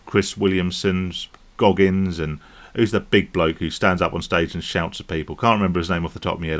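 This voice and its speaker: A man talking casually to camera about recovering from gambling, rambling and checking in with the viewer. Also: lowish voice. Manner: rambling, conversational, checks in with "right?" and "okay?". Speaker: YouTube vlogger on gambling recovery.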